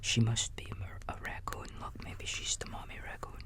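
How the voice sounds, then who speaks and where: Lightly acted, this bedtime ASMR roleplay has a man voicing a gentle male raccoon babysitter who acts like a kindly big brother. He comforts a small child in soft, breathy whispers, folksy and halting, with a soothing, playful feel.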